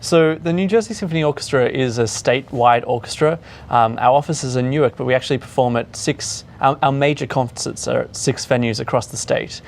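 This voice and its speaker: A man's voice: mid-range voice, a little fast, gravelly. A man from Australia with a mixed Australian accent, a guest in a studio interview, talking easily with frequent fillers. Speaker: orchestra chief executive, guest.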